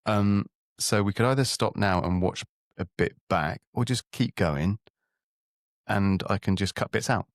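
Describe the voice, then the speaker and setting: Male co-host, lowish pitch, self-mocking and playful, dry booth sound. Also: a little slow, no room sound. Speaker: podcast co-host. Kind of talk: casual chat.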